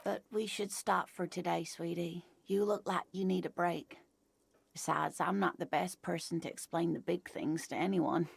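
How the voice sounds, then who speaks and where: Soft motherly lady in a game, super gravelly, kinda husky. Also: on the low side, fairly even intonation, moderate pace, no echo, heavily acted. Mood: gentle. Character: kindly woman explaining history to a lost cop. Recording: dry studio game dialogue.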